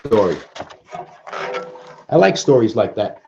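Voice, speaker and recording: A man reads a picture book aloud to young children, mixing sing-song refrains with simple explanations and questions for his listeners. His voice is fairly low and warm, with vocal fry, a sing-song lilt and a measured pace. The lo-fi recording sounds dull and muffled, with slight background noise.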